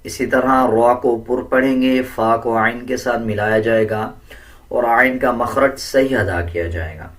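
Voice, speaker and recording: A man teaching Quran recitation step by step in a patient, deliberate way, correcting common mistakes. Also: medium pitch, steady tone, fairly bright tone, distant mic. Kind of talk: step-by-step pronunciation lesson.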